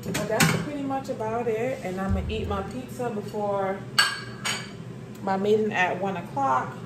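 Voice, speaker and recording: A lifestyle vlogger chats informally to her viewers from rooms at home, often repeating phrases. Her mid-range voice moves at a moderate pace, and the recording has a roomy echo and background noise.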